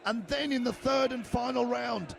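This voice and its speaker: A man giving excited live fight commentary, often shouting, and losing his voice. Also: very high voice, moderate pace, vocal fry.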